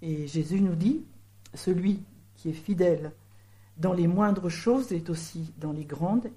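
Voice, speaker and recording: A woman's voice: on the low side, mellow. A middle-aged woman giving a sermon in French, explaining word meanings with a teaching manner. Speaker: preacher.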